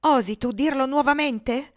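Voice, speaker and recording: A woman's voice: medium pitch, normal speed, close to an everyday voice. A woman reading aloud, voicing a stern, indignant spinster governess who scolds sharply. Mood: scolding.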